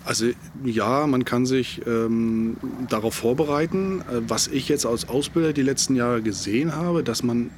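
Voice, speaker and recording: Guy instructor chatting in an interview, mid-pitched, hesitant, bit of background noise. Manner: halting, hesitant, thoughtful phrasing. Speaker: military instructor being interviewed. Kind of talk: casual podcast interview.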